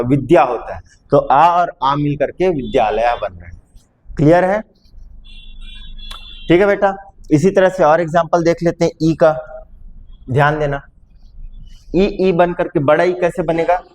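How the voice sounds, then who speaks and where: A male teacher from Chhattisgarh gives a grammar lecture to a class, addressing his students fondly and checking often that they understand. He speaks with a Chhattisgarh Hindi accent in a fairly high, slightly mellow voice, drawing his vowel sounds out slowly.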